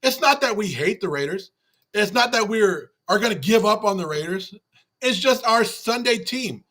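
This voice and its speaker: A man's voice: high-pitched, lively intonation, moderate pace, sharp tone. A man hosting a livestream after a game, talking emotionally and repetitively as he reads and answers chat comments. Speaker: fan channel host on a livestream. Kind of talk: livestream postgame rant.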